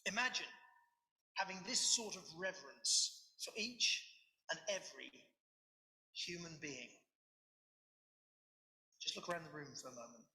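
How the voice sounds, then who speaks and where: A bright, forceful male voice, preaching in a lively way that breaks into sudden loud emphasis and wry asides. The sound is roomy, with the echo of a church hall. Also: on the high side, a little slow, long pauses. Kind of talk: sermon. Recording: echoey church room.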